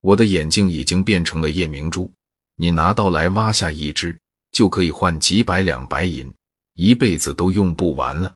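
A man's voice: sits low, normal speed, husky, dry recording, clean studio sound. A man telling a story and voicing a giant, grateful talking snake in his own plain voice. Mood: earnest. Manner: plain storyteller's voice with little change.

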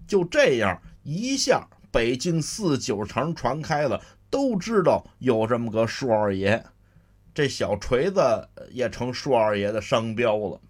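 Animated Beijing-accented male comic storyteller. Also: mid-range voice. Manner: conversational, explanatory asides. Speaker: solo crosstalk comedian.

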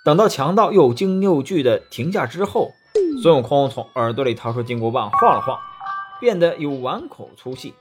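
A man narrating a children's story in a lively, expressive way. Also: mid-range voice, normal speed, soft background music.

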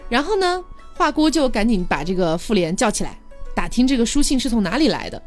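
Background music accompanies a woman hosting a podcast as she casually recounts a classic tale, quoting the characters in their own voices and laughing. Her voice is a little high and she talks fairly quickly.

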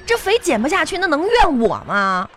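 Sharp-tongued bossy wife, high voice. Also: female voice, wildly swooping pitch, heavily acted. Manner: brisk, bossy, teasing. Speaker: radio comedy host. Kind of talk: live radio comedy sketch. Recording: radio studio with music bed.

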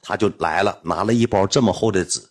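A man with a Northeastern Chinese accent telling a comic personal anecdote in an animated, rambling, indignant way. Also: deep voice, fast talker. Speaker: storyteller.

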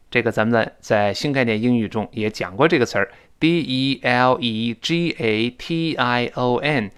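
A man leads a recorded English lesson. His voice is clear and resonant, and his pitch rises and falls in an animated way. He repeats phrases slowly for listeners to copy. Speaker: English teacher.

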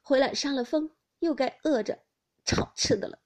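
A woman voicing a sharp-tongued, touchy young noblewoman in an audiobook of a classic novel, speaking in a reproachful, sulky way. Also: high voice, moderate pace, voice pushed up, close to an everyday voice. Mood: scolding. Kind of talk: audiobook character reading.

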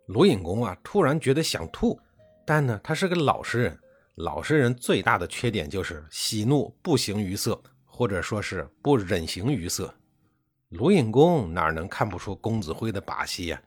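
Man, history storyteller, low voice, husky, lively intonation, chatty narration. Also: soft background music. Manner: colloquial, chatty, with drawn-out particles.

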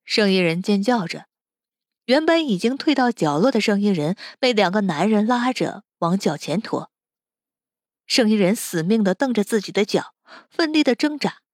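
A woman narrating a web novel audiobook in an expressive, dramatic reading. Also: medium pitch, normal speed, no echo, clean studio sound.

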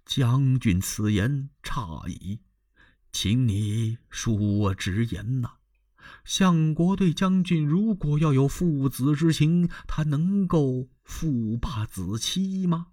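A man's voice: medium pitch, expressive, no echo, clean studio sound, pitched above the performer's own voice. A man doing a wily old court minister. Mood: persuasive. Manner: slow, hushed and persuasive. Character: cautious scheming elderly male court minister. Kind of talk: traditional Chinese storytelling.

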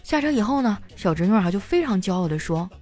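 Animated woman comic storyteller. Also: mid-range voice, fast, soft background music. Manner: animated storytelling, chatty filler particles. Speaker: comedian. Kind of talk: stand-up comedy monologue.

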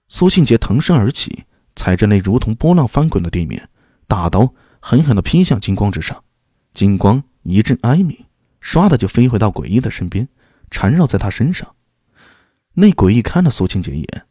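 A man narrates a serialized fantasy audiobook with dramatic storytelling, his pitch rising and falling in lively swings. The voice is dark and mellow with a husky edge. It is recorded close and dry. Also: no echo. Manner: dramatic storyteller, animated delivery.

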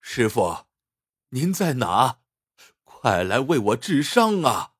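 A man voicing an injured, defiant young bone-setter's apprentice who calls out loudly, in a husky voice. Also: deep voice, takes it slowly, dry recording, clean studio sound, voice pushed down, exaggerated voice.

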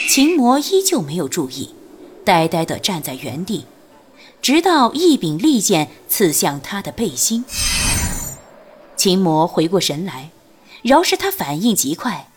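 A woman narrating a martial arts novel as an audiobook, in an expressive storytelling manner. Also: fairly low pitch.

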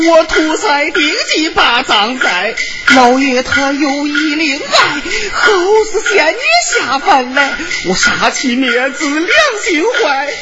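An actor in opera playing a cowardly villainous servant, wailing and grovelling. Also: male voice, very high voice, lo-fi sound, full character voice. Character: cowardly male servant villain, pleading with a ghost. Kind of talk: Henan opera (Yu opera) stage performance, spoken and sung. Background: loud Chinese opera music.

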